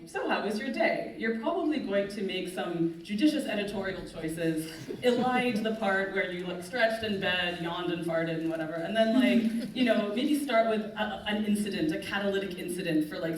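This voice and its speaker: Woman panelist, articulate, lecturing, self-mocking, lowish voice, echoey room. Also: far from the mic, a little hiss or hum. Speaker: panelist author. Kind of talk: live panel talk. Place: festival stage in a large hall. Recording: echoey hall, voice from afar.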